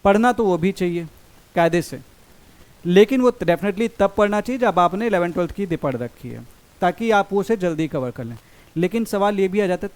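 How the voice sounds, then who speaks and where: A young man leads an exam strategy lesson that mixes Hindi and English. His voice sits high for a man. He reads exam statements out slowly and deliberately, then moves briskly through his explanations. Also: darkish tone. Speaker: exam coaching teacher.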